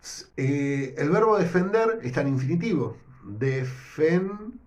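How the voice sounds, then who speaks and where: A man teaching a lesson with a Rioplatense accent, explaining step by step and often checking in with a quick question. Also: a little high, animated. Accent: Rioplatense Spanish. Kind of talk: recorded language lesson. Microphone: no whiteboard, improvising with notes.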